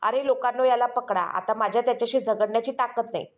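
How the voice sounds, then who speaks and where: A woman's voice: a little high, fast talker, close to an everyday voice. A woman voicing a cunning blind male beggar, pleading and wailing for help. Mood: shouting.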